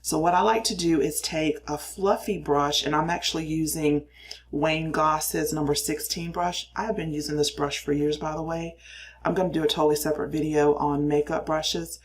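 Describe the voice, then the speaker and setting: A woman's voice: deep voice, steady tone, moderate pace. An older woman chatting casually through her makeup routine in a cramped little space, explaining as she goes and poking fun at herself. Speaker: makeup reviewer.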